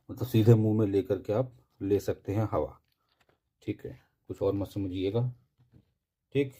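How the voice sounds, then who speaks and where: Husky, dark-voiced man giving a chatty review. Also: fairly low pitch. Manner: chatty, jokey, keeps saying "theek hai". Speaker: product reviewer. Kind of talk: casual unboxing review.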